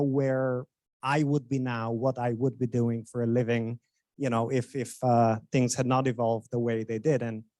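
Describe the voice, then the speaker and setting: A man from Bulgaria, giving a formal introduction of a guest speaker, often pausing with fillers and restarts. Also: medium pitch, darkish tone, dry recording. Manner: hesitant, with frequent fillers and restarts.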